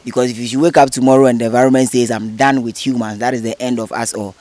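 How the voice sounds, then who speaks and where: A man's voice: medium pitch, flat delivery, fast, a little mellow, dry recording. A man, a guest in an interview, explaining things earnestly and at length. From Ghana. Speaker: interview guest, head of a cleanup group. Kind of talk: casual interview.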